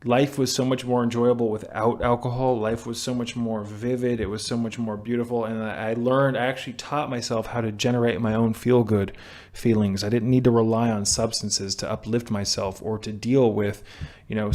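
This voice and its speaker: A man's voice: medium pitch, a little mellow. Blunt young man lecturing on sobriety. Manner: blunt, preachy, swears, many restarts. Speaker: vlogger on sobriety. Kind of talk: direct-to-camera self-help talk. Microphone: camera mic.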